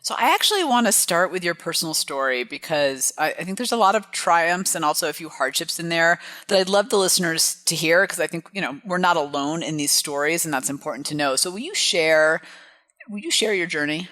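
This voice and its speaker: A woman's voice: fairly low pitch, expressive, fairly quick, bright, forceful tone, no echo. A woman hosting an interview podcast, upbeat and enthusiastic as she opens the show and asks about her guest's journey. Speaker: podcast host.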